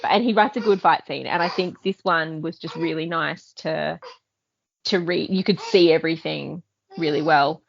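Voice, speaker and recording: Her voice is deep and creaky, moving at a moderate pace as she enthusiastically chats about books with her podcast co-host in a casual discussion. The audio sounds dull, band-limited and dry.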